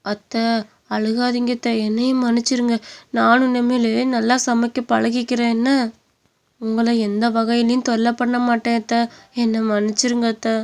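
A woman voicing a meek young wife in an animated story, speaking softly and pleading. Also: fairly high pitch, moderate pace, close to an everyday voice. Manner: soft, pleading.

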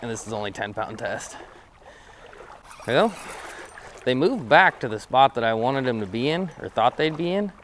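A young fishing vlogger sits on a creek bank under a bridge, chatting to a head-mounted action camera in a mid-range, fairly bright, expressive voice at normal speed. Laid-back and self-deprecating, he rambles with many "uh"s and frequent pauses, and there's slight background noise.

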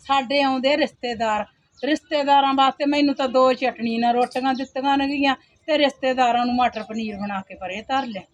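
A woman's voice: sits high, fairly even intonation, fairly quick, highs cut off, lightly acted. A woman playing a poor young village mother who works as a day laborer, weary and complaining. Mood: lamenting. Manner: plaintive, complaining, sighs to God. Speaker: actor in a home-made skit. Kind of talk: amateur village drama.

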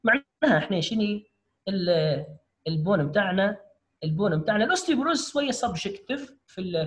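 Lively high-voiced man teaching. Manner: encouraging, mixes English medical terms into dialect. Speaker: doctor teaching radiology. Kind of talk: online medical lecture.

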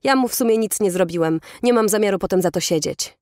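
A woman voicing a cowardly, self-serving teenage boy who speaks offhand and flat. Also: sits high, fast, dry recording, studio quality. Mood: dismissive.

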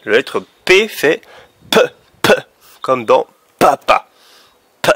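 A man's voice: medium pitch, big pitch swings, takes it slowly, vocal fry, sharp tone, breathy edge, dry recording. A man teaching young children letter sounds, patiently drawing out each sound. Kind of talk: phonics lesson for young children.

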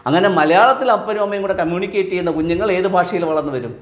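Man from Kerala preaching in a roomy hall. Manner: peppers the talk with quick rhetorical questions to listeners; drops to a low, quiet voice at the ends of points. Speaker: spiritual teacher. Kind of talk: sermon-style teaching to a live audience.

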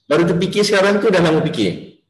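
Energetic Malaysian man coaching a class. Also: high-pitched, fast talker, roomy sound, rough recording. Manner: energetic, mixes English into Malay, quizzes participants by name. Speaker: business sales coach.

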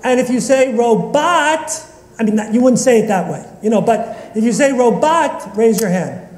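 Preaching in a synagogue sanctuary, this rabbi from Northeast Philadelphia trades jokes and banter with the congregation. He speaks expressively and fairly quickly in a high-pitched voice with a dark tone, and the recording carries echoey hall reverb.

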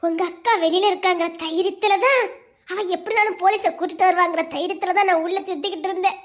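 A woman voicing a young, melodramatic cartoon heroine who squeals and wails her lines in a very high voice. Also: steady tone, fast talker. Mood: frantic. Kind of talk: cartoon voice acting.

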